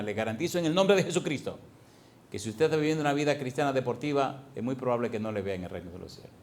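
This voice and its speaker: A male pastor preaching a sermon, swinging from hushed tones to loud bursts and firing rhetorical questions at the congregation. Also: mid-range voice, a little hiss or hum.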